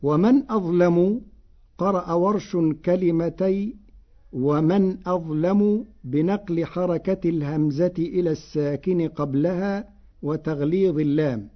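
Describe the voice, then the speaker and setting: A man with a fairly high voice gives a formal, measured lesson on recitation, stretching out each quoted word in a slow chant. The sound is dull and lo-fi, like an old radio broadcast. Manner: measured and formal, intoning quoted words slowly. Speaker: Quran recitation scholar.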